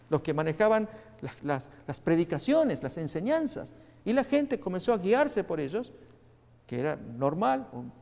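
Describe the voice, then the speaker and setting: A man preaching a sermon in a high, gravelly voice. He talks earnestly and directly to his listeners, stopping often with fillers. His voice rings with a long hall reverb. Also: mellow.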